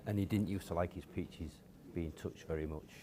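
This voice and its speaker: Guy, real low voice, lots of uhs and restarts, chatty storyteller. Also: normal speed, dark tone, a little hiss or hum. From Cottingham, near Hull, England. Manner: hesitant, many fillers and restarts. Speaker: guest. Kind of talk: casual storytelling interview.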